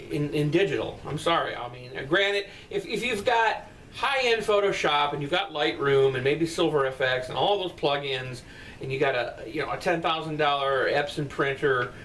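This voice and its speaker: A middle-aged man with a slightly high, fairly bright voice chats casually about viewer comments. He rambles, speaks bluntly and throws in profane asides, sitting in his bedroom at night. The distant microphone leaves faint room noise audible.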